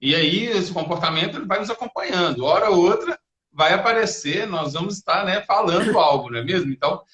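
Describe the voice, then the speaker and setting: A man hosts an interview, picking up on his guest's ideas in a thoughtful way. He keeps ending his sentences with little questions for agreement. His voice sits a bit high and rings in a roomy, echoey space. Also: lively intonation, brisk, fairly bright tone. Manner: reflective, tags sentences with "né" and "não é mesmo". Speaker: interview host. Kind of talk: interview talk. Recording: roomy echo.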